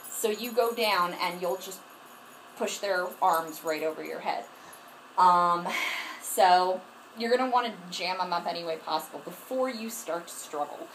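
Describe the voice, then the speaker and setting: At home, a woman moves around in front of her camera, sharing self-defense tips in a frank, earnest manner and frequently starting her sentences over. Her voice is medium-pitched, and the poor-quality camera-mic audio carries a slight hiss or hum, with the mic distance shifting as she moves. It's a casual instructional talk delivered straight to camera.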